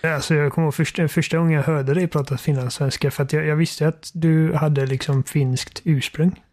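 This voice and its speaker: A young man with a fairly high-pitched voice co-hosting a relaxed chat podcast. He is playful and teasing and laughs often. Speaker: podcast co-host. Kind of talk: casual chat.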